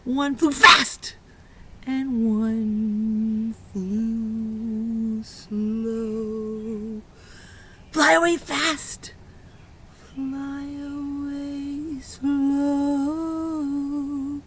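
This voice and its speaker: Speaking extremely slowly with long pauses, this woman has a high, level voice and a sharp tone. She is an early learning teacher giving a children's lesson with sung fingerplay rhymes in a playful, sing-song way, over slight background noise.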